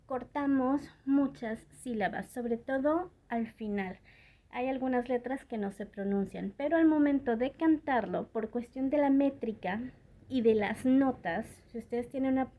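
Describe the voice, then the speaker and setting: A woman teaching French pronunciation in a patient video lesson, often checking in with a quick question. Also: on the high side, darkish tone.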